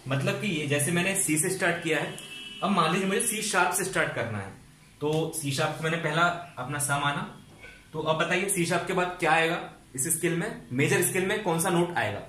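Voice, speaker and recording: Music teacher, man, slightly high voice, patient and repetitive, echoey room. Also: a little fast, pushed and bright, slight background noise. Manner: patient, repeats and checks understanding. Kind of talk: explaining music theory.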